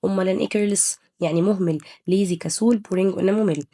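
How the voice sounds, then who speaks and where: A young Egyptian woman runs an English review lesson, her speech racing along. Her voice sits dark and mellow at an ordinary pitch. She keeps asking the class what each word means and answers at once, switching between Arabic and English. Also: fairly even intonation. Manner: drills students with quick questions and answers. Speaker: English teacher.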